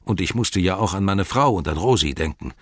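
A man voicing a blunt, hearty older farmer eager for a fight, speaking loudly in a raised voice. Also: deep voice, animated, a little fast, husky, no room sound, clean studio sound.

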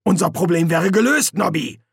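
A man's voice: sits high, moderate pace, gravelly, breathy edge, no echo, clean studio sound, pitched above the performer's own voice, heavily acted. A man voicing a bumbling, portly middle-aged army sergeant in an audiobook, with a raised, blustering voice. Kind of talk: audiobook character voice.

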